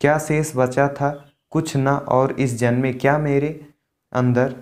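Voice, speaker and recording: A man's voice: mid-range voice, steady tone, slow pace. A male teacher giving a lesson that reads a line of poetry and then explains it in simple words. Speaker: Hindi literature teacher.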